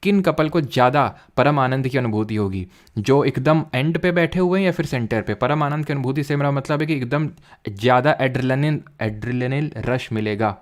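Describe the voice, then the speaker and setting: A young man teaching a geography lecture in casual mixed with terms, who asks quick questions and drills terms by repeating them. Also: mid-range voice.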